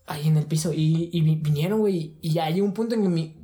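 A man's voice: fairly high pitch, quick pace, mellow. A man with a Mexican accent casually telling a story from his childhood in slangy, rambling chat, dropping fillers into every phrase.

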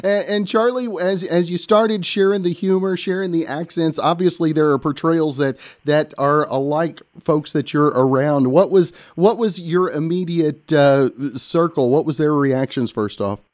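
Chatty male show host, higher voice. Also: normal speed, hardly any pauses, darkish tone. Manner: chatty, repeats words when asking. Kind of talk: scripted intros and interview questions.

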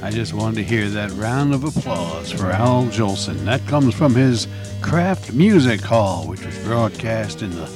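A folksy man presents vintage radio shows in a chatty style. He takes his time, with a pitch that moves around a lot, and music plays clearly behind him. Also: expressive, a little slow. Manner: folksy, chatty, addresses listeners as friends. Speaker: radio show host. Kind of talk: casual presenting of old-time radio programmes.

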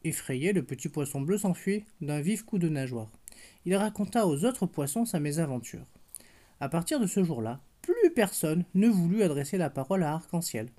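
Parent, bedtime story reading, gentle, mellow voice. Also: medium pitch, sing-song, normal speed. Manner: gentle, stops to chat with the child.

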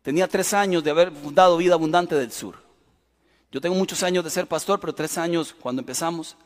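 A middle-aged pastor preaches in a church auditorium, his voice pitched high for a man. He tells stories with animation, swinging from loud passages to hushed ones. His words ring out with a long hall reverb. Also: fast talker. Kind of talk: sermon.

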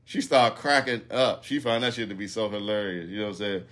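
A man's voice: lowish voice, fairly quick, a bit bright. A man hosting a podcast, telling a story in casual, profane slang and often asking "you know what I'm saying". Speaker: podcast host.

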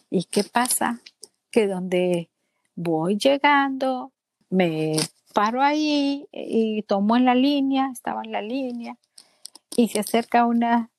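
A woman tells a personal story in conversation, earnest and lively, speaking about her faith. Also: medium pitch, no room sound. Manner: animated, acts out other people's words in quotes.

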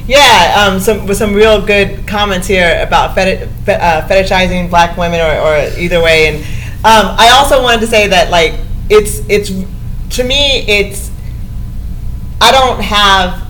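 Woman in her forties, host, bright tone, laughs a lot, echoey room with faint hiss. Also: mid-range voice. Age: 40s. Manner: laughing, animated, drawn-out pauses. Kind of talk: casual livestream chat.

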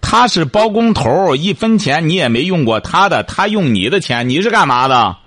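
A man's voice: on the high side, sing-song, normal speed, fairly bright tone, no echo. A male radio call-in host who gives advice in a teasing, sarcastic, needling way, speaking close to a studio microphone.

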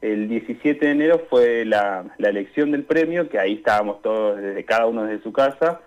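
A young Argentine man calls in to a radio show as a guest, giving casual, hesitant interview answers and searching for words. His voice is lowish and a little fast. The call audio sounds dull and lo-fi.

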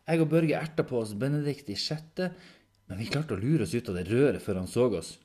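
A man's voice: mid-range voice, expressive, dark tone, voice pushed up, close to an everyday voice. A man voicing a confused schoolboy in an audiobook story, hesitant and stammering. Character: confused schoolboy, dazed and uneasy.

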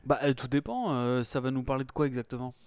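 A man's voice: medium pitch, lively intonation, fast, a little mellow, clear, resonant tone, no echo. Sarcastic guy, blunt, swears a lot when annoyed, dry close sound. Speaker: co-host. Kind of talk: casual film news chat.

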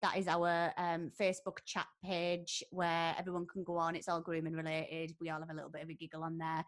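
A woman's voice: low-pitched, completely flat delivery, fairly quick. A woman chatting casually as a podcast host, in a breezy, jokey way.

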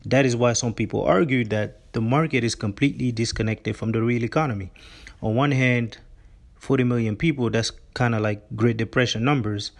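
A man's voice: mid-range voice, steady tone, a little fast, gravelly. A man hosting a solo finance podcast, explaining things earnestly and often stumbling over repeated words. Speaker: podcast host.

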